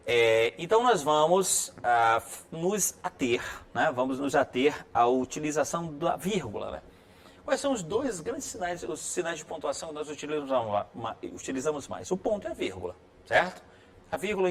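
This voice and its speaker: A man with a Brazilian accent teaching a writing lesson on video, friendly and encouraging, who keeps checking in with listeners by asking "right?". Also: fairly high pitch. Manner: peppers sentences with checking tags like "right?"; friendly, encouraging classroom delivery.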